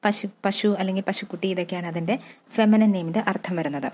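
A woman with a Malayali accent teaching an English vocabulary lesson, slowly spelling out words letter by letter and repeating them. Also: medium pitch, a little mellow. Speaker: exam-prep English tutor. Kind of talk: classroom-style lesson.

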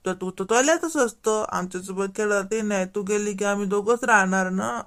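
A woman's voice: mid-range voice, normal speed, a bit bright, close to an everyday voice. A woman voicing a whiny young village boy, a little brother pleading with his sister, with a Varhadi Marathi accent. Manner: whining, pleading.

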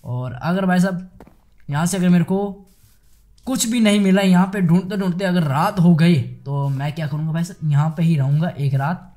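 Excitable young man narrating his gameplay. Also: high-pitched, normal speed. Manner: chatty, excitable, addresses viewers as guys and bhai sahab. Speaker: gaming YouTuber. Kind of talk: casual Minecraft let's play commentary.

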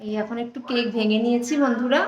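A middle-aged woman vlogs from inside her home, chatting warmly with viewers while holding her phone in one hand. She talks fast in a fairly high, steady voice, and the lo-fi sound has a little hiss or hum.

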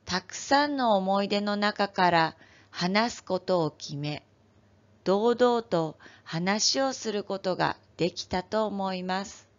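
A woman teacher leads a lesson for young children, speaking slowly and deliberately with careful, clear enunciation. Her voice sits at a moderate pitch and has a gentle, encouraging tone. The recording sounds slightly dull and lo-fi. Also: expressive. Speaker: elementary school teacher. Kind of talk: online lesson for first graders.

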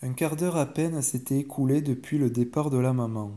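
A man calmly reading a bedtime story aloud in a measured way. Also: medium pitch. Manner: calm and measured.

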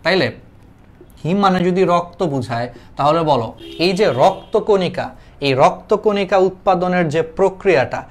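A young man with a Bangladeshi Bengali accent teaching an online class, explaining terms, repeating them and asking students questions in a colloquial way. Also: on the high side. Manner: colloquial dialect forms mixed with English terms.

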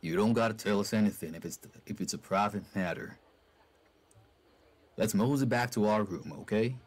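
A man's voice: on the low side, moderate pace, natural voice. A man doing a protective drawling critter. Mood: soothing. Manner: easygoing drawl. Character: steady, protective grown male critter.

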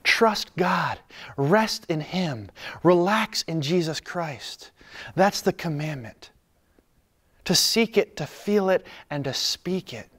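A man preaching a sermon in an earnest, conversational way, dropping to soft, calm lines. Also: on the high side, takes it slowly, slightly rough. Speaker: pastor.

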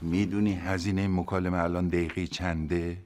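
A man's voice: sits low, little pitch movement, a little mellow, slight background noise, natural voice. An actor playing a sly, scheming husband who turns syrupy on the phone to his wife in a TV comedy. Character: scheming husband waiting on a rich uncle's death. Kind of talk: TV comedy acting.

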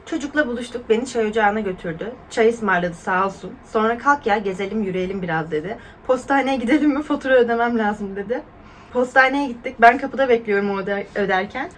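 A woman in her twenties from Turkey, chatting casually as a vlogger while reading viewer stories aloud, with lively exclaiming reactions and asides to her viewers. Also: a little high, slight background noise. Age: 20s.

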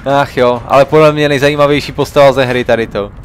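A man's voice: mid-range voice, fairly even intonation. A young man casually commenting on a video game as he plays, muttering to himself and chatting to viewers. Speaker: let's play gamer.

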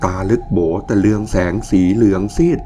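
A man calmly narrating a ghost story in a measured storytelling manner. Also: on the low side, a little hiss or hum. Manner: calm, measured storytelling with quoted dialogue.

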